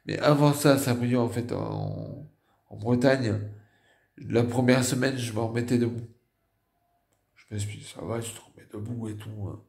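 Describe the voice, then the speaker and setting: A tired man with a nasal voice and a northern French accent from the Nord, telling a personal story in a halting way with many fillers and restarts. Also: medium pitch, steady tone, vocal fry, a little mellow, echoey room. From Nord, northern France.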